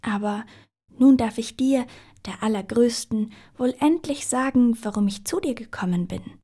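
A woman's voice: a little high, moderate pace, dark tone, slightly rough, voice pushed up. A woman voicing a very polite, timid male hare in a storybook reading, in whispered role-play with an overly courteous manner.

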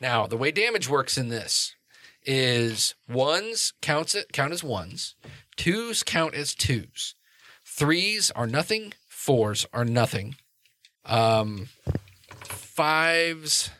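A man narrating and explaining rules as game master of a tabletop role-playing game, in a rambling, halting way. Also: mid-range voice, sing-song, sharp tone, no echo.

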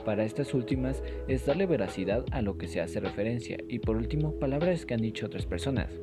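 A man's voice: mid-range voice, expressive, quick pace, over loud music. A man delivering scripted educational narration as an explainer, in a playfully formal, instructional manner.

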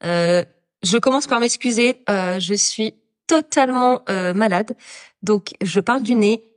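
A woman presents a podcast. Her delivery is scripted, addressed straight to the listener, in a voice of middling pitch. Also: measured pace. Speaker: podcast host and productivity coach.

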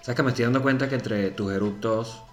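A man's voice: medium pitch, brisk, faint music behind. A man co-hosting a comedy podcast, playful and bantering. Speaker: podcast co-host.

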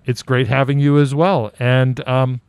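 A man's voice: medium pitch, little pitch movement, a little slow, a little mellow, clean tone, dry recording. A man hosting a conversational radio interview, his voice muffled because he speaks through a face mask. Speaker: radio show host. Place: radio studio.

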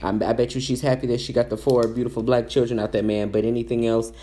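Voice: mid-range voice, flat delivery, fast, mellow. Sassy, chatty gossip commentator. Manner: sassy, chatty, with frequent asides and fillers. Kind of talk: casual celebrity gossip commentary.

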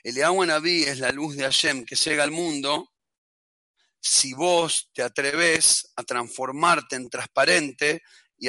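A middle-aged man with an Argentine accent, a rabbi telling a story in a lively, colloquial and heartfelt way. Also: a little high, no room sound. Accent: Argentine Spanish. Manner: animated, colloquial, emotional. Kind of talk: storytelling talk.

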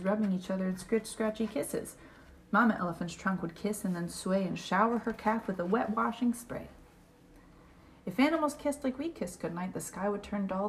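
A woman's voice: on the high side, a little hiss or hum. A woman reading picture books aloud to a small child in a playful, sing-song way, dropping some refrains to a whisper.

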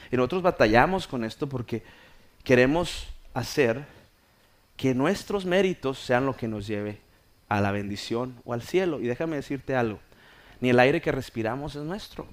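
A man from Mexico, a pastor, preaching a sermon that swings from quiet, close talk to loud, fervent preaching. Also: medium pitch, expressive, a little slow. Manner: acts out scenes with playful voices.

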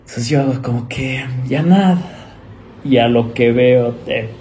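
A man's voice: medium pitch, slow, a little hiss or hum. A young man from Ecuador with an Ecuadorian Spanish accent, a guest telling a story in a casual, slangy way and acting out the voices in it. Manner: lively anecdote-teller who acts out the voices in his story; slangy, with many fillers.

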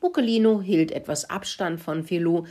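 A woman narrating a children's storybook in a gentle read-aloud style. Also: fairly low pitch, moderate pace.

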